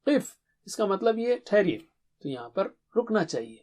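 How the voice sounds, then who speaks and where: A man, a Quran recitation teacher, gives a short recorded tajweed lesson in a clear, measured teaching voice. He slows into melodic recitation for his examples. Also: high-pitched, sing-song, a little mellow.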